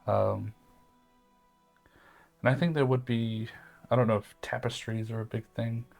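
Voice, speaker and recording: A man's voice: mid-range voice, steady tone, a little slow, gravelly, darkish tone, soft background music. A man playing his character in a tabletop game, talking in a rambling, hesitant way with many fillers. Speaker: player. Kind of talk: in-character tabletop role-play.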